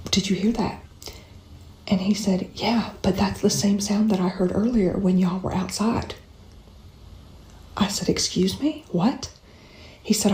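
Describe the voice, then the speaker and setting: A woman's voice: mid-range voice, dark tone. Whispering woman in a roomy space. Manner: whispering, urgent, repetitive. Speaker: mother recounting a strange event. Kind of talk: hushed storytelling to camera. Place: indoors at home. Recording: roomy echo.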